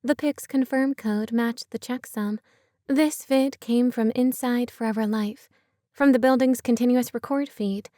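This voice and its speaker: Woman narrator for fiction, even delivery, dry recording. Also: on the high side, measured pace, dry recording. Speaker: audiobook narrator.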